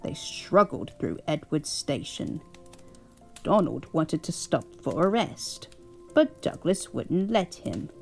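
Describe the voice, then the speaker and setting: Heavily acted, a woman's deep, gravelly voice swings broadly in pitch at a slow pace as she plays a gentle English granny reading a bedtime story. Faint music sits behind the cozy scene, and in a put-on English accent she dotes, chuckles and fusses over her grandchild.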